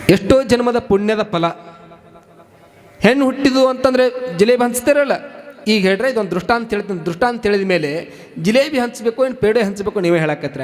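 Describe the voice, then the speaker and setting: A man with a North Karnataka Kannada accent telling a story in a sermon. He repeats phrases for emphasis and addresses the audience directly. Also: high voice. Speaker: preacher.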